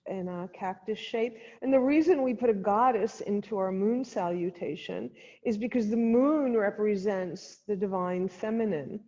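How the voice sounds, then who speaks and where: The instructor, a woman with a medium pitch, walks a chair yoga class through gentle steps with pauses. The recording is muffled and reverberant, with the dull sound of a hall where echoes linger.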